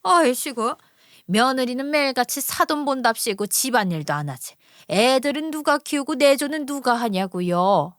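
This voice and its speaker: A woman voicing a spiteful older mother-in-law who scolds in a shrill, contemptuous way. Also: expressive, moderate pace, a bit bright, no room sound, clean studio sound. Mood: scolding. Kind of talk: storytelling radio narration.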